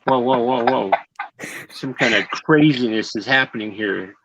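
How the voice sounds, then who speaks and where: A man hosting a casual online chat, animated and quick to laugh. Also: medium pitch, husky, no echo. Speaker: host. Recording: dull lo-fi call audio.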